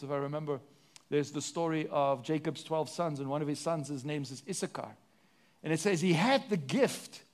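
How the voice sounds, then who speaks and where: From the pulpit, a pastor with a South African accent and a fairly high male voice preaches with sweeping rises and drops. He poses rhetorical questions to the congregation, moving back and forth between emphatic statements and quiet, hushed passages.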